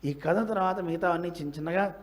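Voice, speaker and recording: A man delivers a devotional sermon to a gathering, his voice sitting high for a man. He tells a sacred story in an animated way. He acts out the dialogue in several voices as he goes. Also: a little fast. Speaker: religious teacher. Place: religious gathering.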